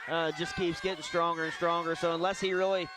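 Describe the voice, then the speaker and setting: A man giving color commentary in a high voice, calmly explaining the fighters' choices. The arena feed is noisy behind him. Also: brisk.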